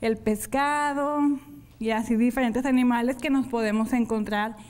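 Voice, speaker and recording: Woman teaching sign language, high voice. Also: steady tone, darkish tone. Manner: slow, step-by-step explanation of hand signs. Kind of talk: televised classroom lesson.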